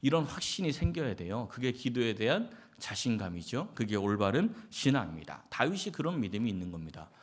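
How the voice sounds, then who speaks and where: A male pastor delivers a Sunday sermon conversationally, questioning the congregation and acting out short quotes. His mid-range voice swings widely in pitch, and he talks fairly quickly with few pauses.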